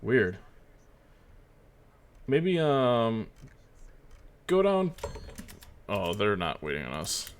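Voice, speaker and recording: Low-voiced man casting esports. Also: wildly swooping pitch, extremely slow, long pauses, slight background noise. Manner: rambling, casual, chatty. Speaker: esports caster. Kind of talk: live esports commentary.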